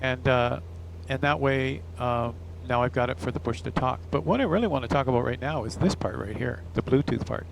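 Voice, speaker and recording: A pilot working as a product demonstrator gives a chatty, casual, hands-on demonstration, explaining as he goes. His gravelly mid-range voice moves fairly quickly, captured on headset and lapel mics with faint background noise.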